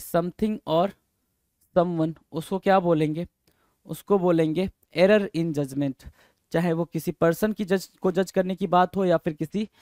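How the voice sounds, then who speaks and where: Guy teaching english idioms in hindi, keeps quizzing "what do we call it", slow drawn-out english words, dry close sound. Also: high-pitched, darkish tone, no room sound. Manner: repeats each term and quizzes listeners with "bhai". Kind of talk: Hindi-English vocabulary lesson.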